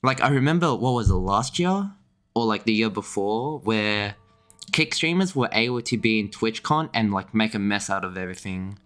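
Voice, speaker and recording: A young man chatting on a game stream in a lowish voice. He rambles, leans on filler words, restarts his sentences and keeps breaking into small laughs. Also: moderate pace, a bit bright, clear, resonant tone. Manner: rambling, filler-heavy with frequent restarts and chuckles. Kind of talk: casual chat while gaming.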